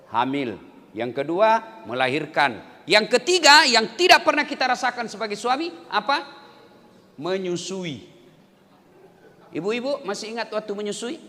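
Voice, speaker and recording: Animated preacher with a Makassar lilt. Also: male voice, high-pitched. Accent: Makassar Indonesian. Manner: joking, asks the audience questions, acts out scenes. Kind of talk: lively sermon to a congregation. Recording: reverberant hall, faint background noise.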